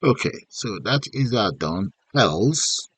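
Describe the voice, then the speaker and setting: A deep-voiced man walks through a programming tutorial. He speaks slowly and thinks aloud in short fragments, with a husky edge to his voice. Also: lively intonation, fairly bright tone, no room sound. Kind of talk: unscripted step-by-step screen tutorial narration.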